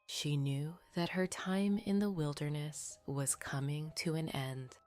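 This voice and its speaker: A woman reading scripted sleep stories in a soft, breathy, half-whispered voice, soothing and gently guiding the listener toward rest. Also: deep voice, a little slow. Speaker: sleep story narrator. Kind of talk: scripted bedtime sleep story narration. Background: background music.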